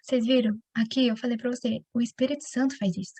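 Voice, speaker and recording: A woman with a Brazilian Portuguese accent teaching the Bible in a conversational, animated way, often addressing her listeners directly. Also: fairly high pitch, fast, breathy edge, dry recording. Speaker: preacher.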